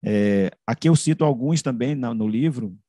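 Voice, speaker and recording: Over a video call from an indoor room, a middle-aged man who is a researcher and author walks through an academic slide presentation, talking conversationally and tagging phrases with quick checking questions. He speaks at a moderate pace in a mellow, mid-range voice, and his computer mic gives a studio-quality sound with no echo.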